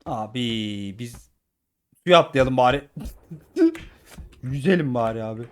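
A gaming YouTuber provides excitable live commentary on his gameplay, addressing viewers like friends and repeating words in sudden bursts. His voice is medium in pitch and his pace slow.

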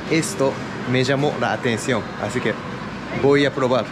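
A man speaking through a face mask as he hosts a casual food-tasting travel vlog at a street market, talking slowly and addressing his viewers. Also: medium pitch, fairly even intonation, music in the background. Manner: slow, unhurried talk addressed to viewers. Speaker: travel vlogger. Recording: loud outdoor street noise.

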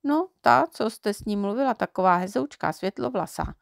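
A woman's voice: medium pitch, expressive, gravelly, no room sound, clean studio sound. A woman doing a cheeky, boastful little boy. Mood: cheeky, defensive. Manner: fibbing, defensive, a little cocky.

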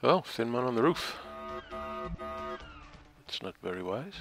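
A man with a slightly high voice that swoops wildly in pitch speaks slowly, commentating on his own strategy game match and thinking aloud with wry asides. It's casual gameplay commentary with game music playing behind him.

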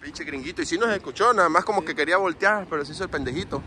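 On a windy seaside shoot, a young Mexican-accented man hosts a casual vlog, joking in slang to viewers while strolling along a border wall. His voice is on the high side, very fast and sharp-toned. Waves crash in the background of this low-quality recording.

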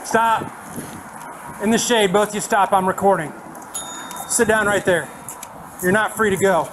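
A woman's voice: medium pitch, unhurried. A woman police officer giving firm, repeated orders during an arrest, recorded outdoors in a parking lot on a body camera. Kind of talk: bodycam arrest commands. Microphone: body-worn camera. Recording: noisy outdoor bodycam audio.

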